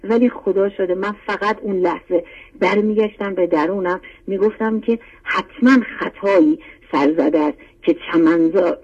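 A woman's voice: mid-range voice, darkish tone, breathy edge. A middle-aged woman calling in, giving an earnest, heartfelt testimony and urging listeners on. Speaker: caller. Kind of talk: call-in testimony. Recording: dull lo-fi phone line.

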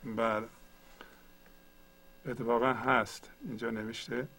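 A man's voice: medium pitch, flat delivery, creaky, pushed and bright, poor audio. A man teaching a computer tutorial, patiently explaining each step one at a time. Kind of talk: screen-share tutorial.

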